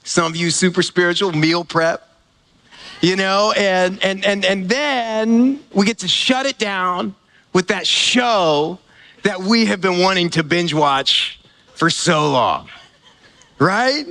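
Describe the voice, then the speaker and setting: High, bright-voiced man preaching casually. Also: slow pace. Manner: conversational, full of fillers and repeated words. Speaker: pastor. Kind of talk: sermon. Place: church gathering.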